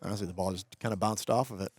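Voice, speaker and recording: A man's voice: on the low side, very fast, no echo. A man with a nasal voice giving chatty, opinionated color commentary on a game. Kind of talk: sports commentary.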